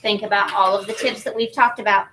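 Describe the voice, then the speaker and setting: Woman, mid-pitched, firm and instructive, briefing kids before a school contest. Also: little pitch movement, fast, fairly bright tone, slight background noise, low-quality recording. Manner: firm, instructive, repeats rules. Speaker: spelling bee organizer. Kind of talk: giving instructions to students. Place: school event room.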